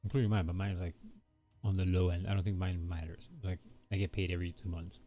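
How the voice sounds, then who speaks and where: A man's voice: low-pitched, fast talker. A man casually chatting with viewers while drawing on a live stream, rambling with lots of fillers. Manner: relaxed, rambling, many fillers like "you know" and "like". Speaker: livestreaming artist. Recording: soft background music.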